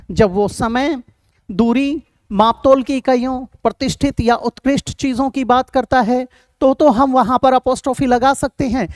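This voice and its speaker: Slow, deliberate Indian man teaching grammar. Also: very high voice, no echo, studio quality. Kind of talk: exam-prep grammar lesson in Hindi and English.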